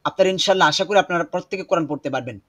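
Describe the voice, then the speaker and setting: A man teaching Quran pronunciation in an online class over a video call, explaining slowly and repeating words to drill them. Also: high-pitched, fairly bright tone.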